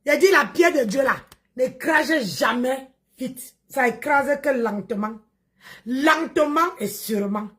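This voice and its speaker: A woman with a high voice rants on a livestream. She mocks and confronts, hammers her points by repeating phrases, and often breaks into shouts. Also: lively intonation, takes it slowly. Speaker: livestream host. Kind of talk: livestream rant.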